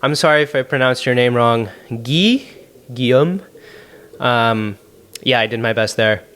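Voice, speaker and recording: A man's voice: medium pitch, a little slow, fairly bright tone. A young man from Canada with a Canadian accent, hosting a solo podcast Q&A from his apartment in a rambling, jokey, sarcastic way. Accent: Canadian English. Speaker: podcast host. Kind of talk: solo podcast Q&A, casual chat. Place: apartment room at home.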